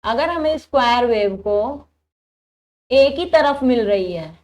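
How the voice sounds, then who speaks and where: Slow and expressive, this young engineering lecturer's voice is on the high side and a little mellow. She talks her way through every step of the material, posing questions and then answering them herself.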